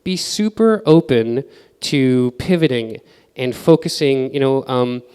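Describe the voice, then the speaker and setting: Male conference speaker, relaxed filler-laden delivery, clear voice with hall echo. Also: medium pitch, measured pace. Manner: casual, filler-heavy advice with acted-out quotes. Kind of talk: conference presentation. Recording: reverberant hall.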